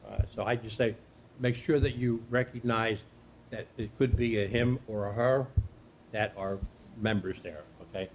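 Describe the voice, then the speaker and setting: A loud, plain-spoken man presents a training workshop to an audience in a meeting room, repeating himself often. His voice is lowish, steady and at normal speed, picked up by a distant mic in an echoey, noisy room.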